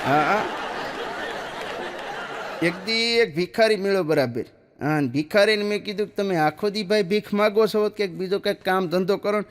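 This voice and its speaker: A man's voice: high-pitched, normal speed. A man telling folk jokes on stage, chatty, with "ઈ કે" and "હા" after nearly every line. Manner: chatty, peppers lines with "ઈ કે" and "હા". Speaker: stand-up joke teller. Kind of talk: Gujarati folk comedy storytelling. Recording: long reverb of a hall.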